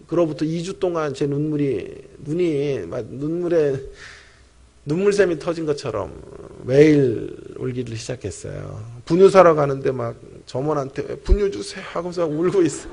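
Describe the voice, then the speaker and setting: Gravelly man preaching a sermon. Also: a little high, normal speed. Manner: animated storytelling, talks directly to the congregation. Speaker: pastor and professor preaching at a teachers' revival. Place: church sanctuary.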